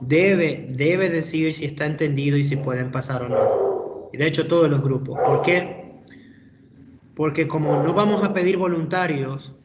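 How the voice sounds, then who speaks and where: A middle-aged man with an Ecuadorian Spanish accent, giving feedback to students in an online class, slow and explanatory with many hesitations. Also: a little high, slight background noise. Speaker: English teacher.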